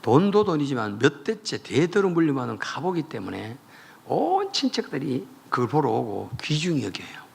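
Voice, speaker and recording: A man preaching a revival sermon, telling the story with animated voices. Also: medium pitch, moderate pace, creaky, husky. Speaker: pastor.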